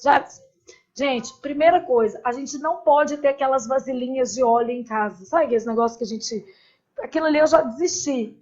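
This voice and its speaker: Chatty high-voiced woman grammar teacher. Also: brisk, a little mellow, muffled recording. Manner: chatty, joking asides, rhetorical "né?" tags. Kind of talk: casual classroom lecture. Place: classroom.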